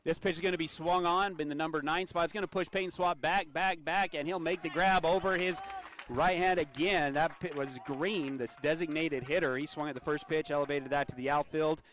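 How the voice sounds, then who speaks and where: Man calling high school baseball on radio. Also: fairly quick. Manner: steady play-by-play with easy laughs. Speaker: play-by-play announcer.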